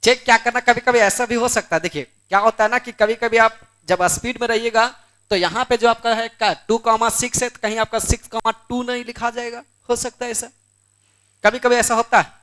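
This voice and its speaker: This male math teacher's voice is very high-pitched, pushed, bright, and smooth, with a steady tone and a slightly fast pace. Teaching a board exam lesson, he coaxes his class by asking and answering his own questions, scolding students in the room.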